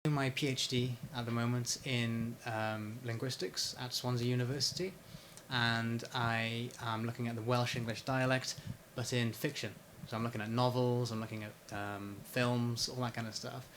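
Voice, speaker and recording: A man being interviewed casually about his research and his book. He talks at an ordinary pitch, hesitant and full of pauses and restarts. A faint hum of ambience sits under the recording. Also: fairly even intonation, fairly bright tone. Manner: hesitant, lots of fillers and restarts. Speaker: interviewee, PhD researcher and author.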